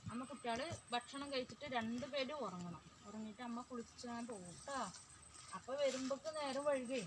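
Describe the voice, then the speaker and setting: A woman playing mother to her dolls, talking in fond, coaxing, motherly chatter. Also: on the high side. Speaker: vlogger. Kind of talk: pretend play, mothering dolls. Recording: clear background noise.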